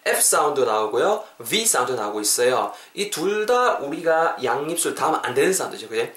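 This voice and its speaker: A man hosting a podcast English lesson, playful, who slows right down to spell out English phrases. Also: medium pitch, sing-song, a bit bright, roomy sound. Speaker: English teacher and podcast host.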